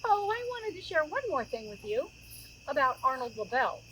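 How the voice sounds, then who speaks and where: A woman's voice: sits high, big pitch swings, moderate pace, fairly bright tone, rough recording. A middle-aged woman hosting a children's story time, chatting informally to young listeners and addressing them directly. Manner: conversational, addresses listeners with questions. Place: outdoors by a campfire in woods. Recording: outdoor recording with clear insect noise. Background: crickets and insects, outdoor ambience.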